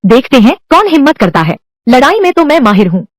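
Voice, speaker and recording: A woman's voice: high-pitched, big pitch swings, a little fast, no room sound. A woman dubbing a drama, voicing a brash and combative time-travelling agent who now lives as a young wife. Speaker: dub voice actor. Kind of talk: dubbed drama dialogue.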